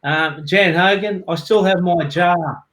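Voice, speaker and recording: A man's voice: sits high, measured pace, a bit bright, rough recording. Upbeat Australian male host. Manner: upbeat, reads viewer comments aloud. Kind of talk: live-stream hosting, reading comments.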